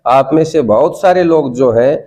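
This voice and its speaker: A man's voice: medium pitch, normal speed, dark tone. A man with an Indian accent teaching a spoken English class, coaxing the students and repeating prompts for them to say back. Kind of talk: classroom lesson.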